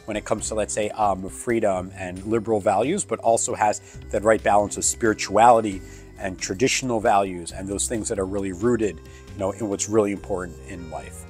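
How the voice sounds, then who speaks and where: A man's voice: fairly low pitch, steady tone, a little fast, darkish tone, faint music behind. A man, thoughtfully sharing opinions in a home interview on a lapel mic. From Philadelphia, United States. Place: open-plan home living room. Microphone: clip-on lapel mic.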